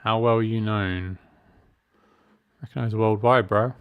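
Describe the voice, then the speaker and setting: Heard through narrow, tinny audio, a middle-aged streamer speaks in a fairly low, clean, steady voice, a little slowly. He chats casually over his let's-play, making fun of himself and reading the menus aloud.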